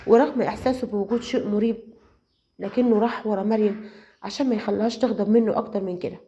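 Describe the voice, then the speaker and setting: A woman with an Egyptian Arabic accent narrating a dramatic serial story in a steady way. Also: medium pitch, quick pace, slight background noise. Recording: slightly muffled lo-fi audio.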